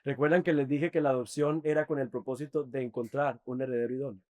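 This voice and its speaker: A man preaching a sermon as pastor, earnest, often dropping to soft, intimate tones. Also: medium pitch, steady tone, fast.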